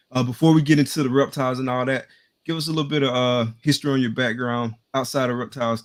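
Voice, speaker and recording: A man hosting a live interview stream, greeting viewers by name in slangy, hyped talk before bringing in his guest. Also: medium pitch. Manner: hyped, slangy, shouting out chat names. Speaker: podcast host.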